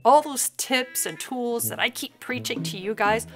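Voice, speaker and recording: A woman's voice: a little high, a little slow, over music. A woman in her thirties, a spiritual guide, telling her story in a frank, chatty and dramatic way, acting out quotes. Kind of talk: candid storytelling vlog.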